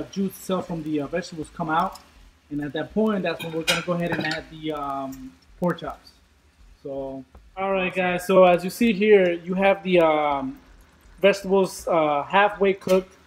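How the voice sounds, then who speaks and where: A man hosting a casual cooking demonstration, explaining each step in a relaxed way with many ums and uhs. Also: high voice, moderate pace, rough recording. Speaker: cooking video host.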